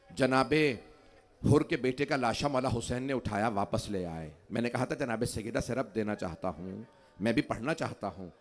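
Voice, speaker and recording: A man, a cleric, delivering an emotional mourning sermon that swells into loud cries. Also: mid-range voice. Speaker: Shia cleric reciting elegy.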